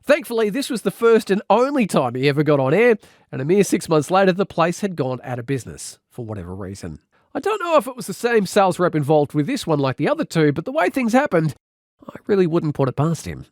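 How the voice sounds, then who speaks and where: Quick and wildly swooping in pitch, this higher-pitched male narrator delivers a comic first-person audiobook as a wry, exaggerating storyteller. It is comedic scripted narration, recorded clean in a studio without echo.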